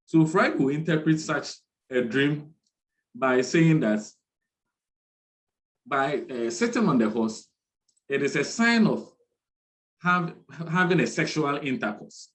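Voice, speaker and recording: A man giving an online lecture, speaking deliberately and repeating key terms for his students. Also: a little high, animated, fairly bright tone, low-quality recording.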